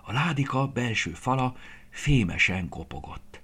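A man narrating a children's story in an expressive, lively reading voice, sometimes dropping to a whisper. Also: mid-range voice, husky.

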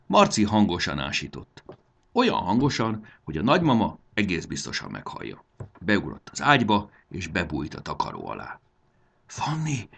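Casting: male storybook narrator, lowish, gravelly, very lively delivery.

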